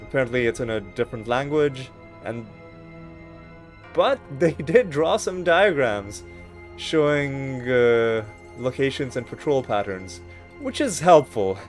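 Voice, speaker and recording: A man hosting a let's play, talking through a game casually with wry, rambling asides and frequent self-corrections. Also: medium pitch. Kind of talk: casual gameplay commentary.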